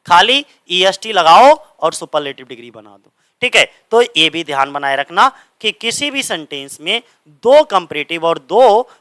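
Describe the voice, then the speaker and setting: A young man teaching English grammar for exam prep, explaining step by step, asking and answering his own questions, and reading the English examples slowly. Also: high voice, sharp tone, clear, resonant tone, dry recording. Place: coaching centre classroom.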